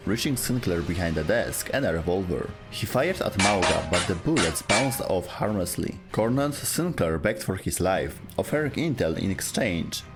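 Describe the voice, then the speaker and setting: Over faint background music, a low-voiced man narrates scripted lore in a dramatic, clipped storytelling style with very lively intonation.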